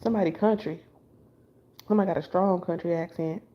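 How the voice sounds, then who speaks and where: A woman's voice: on the low side, fairly even intonation, quick pace, dull audio. A woman who reads tarot, talking in a late-night spiritual monologue after staying up all night, loose and blunt, with restarts and casual swearing. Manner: loose, conversational, with filler words and frequent restarts. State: up all night without sleep. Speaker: tarot reader.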